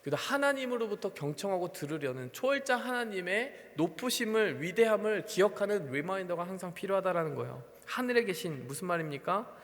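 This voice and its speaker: Male pastor, high voice, lively sermon delivery, echoing sanctuary reverb. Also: fairly quick, hardly any pauses. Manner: animated, acts out quoted prayers with sighs and laughs. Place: church sanctuary. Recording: long hall reverb.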